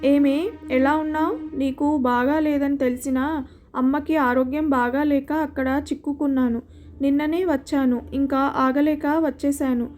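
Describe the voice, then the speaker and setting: Outspoken caring friend, middle-aged woman, high voice, mellow, audio story, a woman reading her lines. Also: steady tone, measured pace, soft background music. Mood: chatty. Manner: teasing, then scolding.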